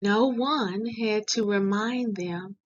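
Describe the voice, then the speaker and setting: A woman, a school administrator, giving the morning school announcements in a deliberate, instructive way, heard as school announcement audio. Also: medium pitch, highs cut off.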